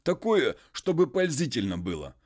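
Peasant role for a male narrator: illiterate, folksy, pleading, pitched well above his own voice, loud. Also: very animated. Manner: folksy, drawn-out pleading speech.

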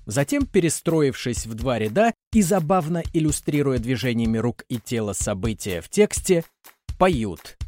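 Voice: mid-range voice, moderate pace, soft background music. A reader animatedly reading out the stage directions of a children's play. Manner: animated, expressive storytelling.

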